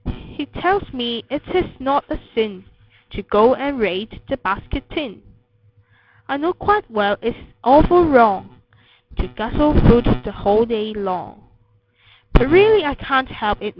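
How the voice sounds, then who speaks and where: A woman's voice: high voice, very animated, unhurried, exaggerated voice. A woman voicing a young greedy boy who insistently pleads with his mother. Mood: pleading. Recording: slightly dull lo-fi recording.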